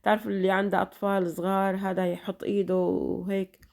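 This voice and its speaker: Brief: middle-aged woman vlogger, Levantine Arabic accent, tired voice, quick chatty delivery, mid pitch. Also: level tone, gravelly, a little mellow. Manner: chatty, repeats blessings and fillers. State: tired voice after illness. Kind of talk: casual chat to followers.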